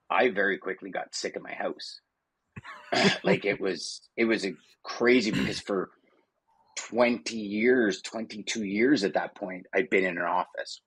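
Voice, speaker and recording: Male podcast host, husky and low, loose rambling chat, dry close sound. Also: a bit bright, dry recording. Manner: rambling, conversational, lots of fillers. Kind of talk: casual interview chat.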